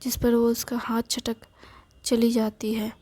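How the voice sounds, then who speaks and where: Woman telling a story in an even voice. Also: a little high, a little slow, husky. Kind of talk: storytelling narration.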